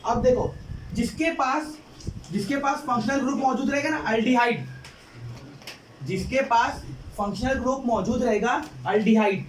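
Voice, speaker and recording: High-voiced man quizzing a class. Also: a little slow, long pauses, a little hiss or hum. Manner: repetitive, quizzing students with questions. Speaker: chemistry teacher. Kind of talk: classroom lecture in Hindi. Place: classroom with students. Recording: echoey classroom, distant mic, student chatter. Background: students.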